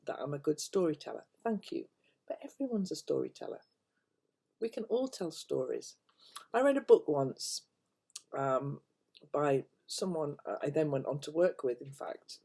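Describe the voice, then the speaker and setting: An older woman vlogger chats casually to her viewers at home, meandering and hesitant, with phrase endings that trail off softly. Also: sits low, very animated, normal speed, slightly rough. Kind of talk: casual rambling chat to camera. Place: at home, indoors.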